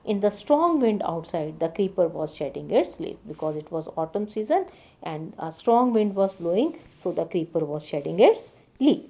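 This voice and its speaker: Mellow-voiced woman retelling a story. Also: on the low side, very animated, normal speed. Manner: retells each passage in simpler words with many fillers. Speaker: teacher. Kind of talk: reading and explaining a story.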